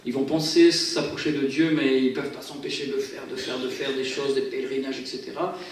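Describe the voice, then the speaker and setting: A man's voice: medium pitch, little pitch movement, fairly quick. A man introducing a song at a church, chatty and often repeating words as he restarts his sentences. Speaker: guest singer at a church. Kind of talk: casual spoken introduction to a song. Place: church hall. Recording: very echoey hall, from far off, faint noise.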